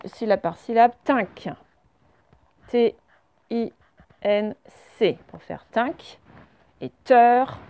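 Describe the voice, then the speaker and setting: A French woman teaching a reading lesson, speaking slowly and clearly and spelling words out letter by letter. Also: medium pitch, darkish tone.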